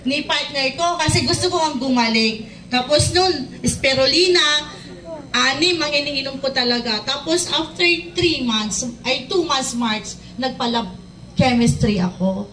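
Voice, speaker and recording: A woman's voice: sits high, measured pace, a bit bright. A middle-aged woman giving a personal testimony, retelling events and acting out the dialogue. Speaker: product user giving a testimony. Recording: echoey room, far from mic, faint noise.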